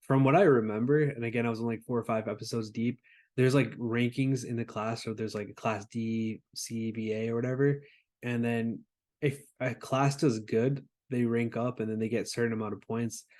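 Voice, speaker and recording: A man's voice: mid-range voice, steady tone, normal speed, a little mellow. A man co-hosting a podcast, talking casually about anime with lots of fillers and restarts. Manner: laid-back, filler-heavy, explains plots with many "like"s. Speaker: podcast co-host.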